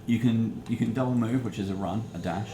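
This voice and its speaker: Gravelly, low-voiced man running a game. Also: a little fast. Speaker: game master. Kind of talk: casual tabletop game narration. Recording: roomy echo, loud background noise, clicks.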